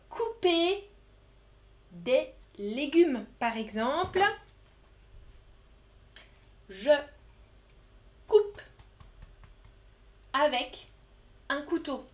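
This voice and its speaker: A woman with a high voice leads a live online French lesson. She talks slowly and says each new word carefully, repeating it so learners can follow. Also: a little mellow. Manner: slow, clear, repeats words for learners. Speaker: French teacher.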